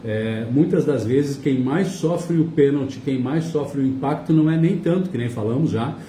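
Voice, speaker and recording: A man hosts a radio talk show, putting long, conversational questions to his guests in a casual interview chat. His voice is medium-pitched and dark-toned at a moderate pace, with slight hiss or hum. The room is echoey and the mic sits at a distance.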